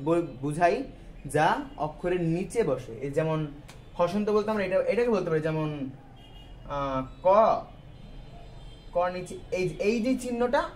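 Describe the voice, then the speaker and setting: A man with a high voice teaches a grammar lesson, walking through each rule step by step. He keeps asking questions and then answering them himself, in a casual way with English words slipped in. A faint hiss of noise sits under the recording. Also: darkish tone. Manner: colloquial, mixes in English words.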